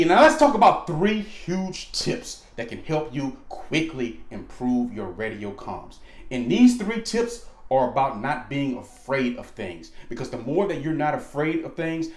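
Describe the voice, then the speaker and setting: An American man giving informal instructional talk in an animated, slangy and emphatic way, repeating points for emphasis. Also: medium pitch. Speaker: aviation instructor, presenter. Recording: echoey room.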